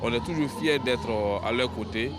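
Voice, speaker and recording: A man, a company executive, speaking warmly and enthusiastically in a news interview. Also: mid-range voice, moderate pace. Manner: warm, enthusiastic. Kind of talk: interview soundbite.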